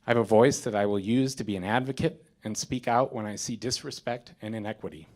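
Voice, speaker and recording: A U.S. man in his thirties, fairly low-pitched with a darkish tone, reads prepared notes as a community responder following a stage performance. In front of the theater crowd, his delivery moves from halting and full of fillers to firm and declarative.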